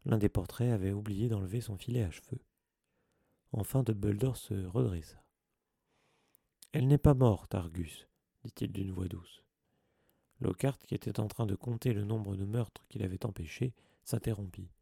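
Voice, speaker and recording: Casting : narrateur masculin, timbre rocailleux, lecture de conte posée. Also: male voice, lowish voice, moderate pace, gravelly, mellow, breathy edge, no room sound, studio quality. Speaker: audiobook reader. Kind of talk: storybook narration.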